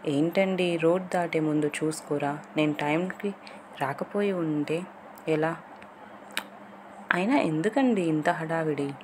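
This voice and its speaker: A woman voicing a friendly, teasing young man in an audio love story, in her own low voice. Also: a little slow, long pauses, noisy background. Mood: scolding.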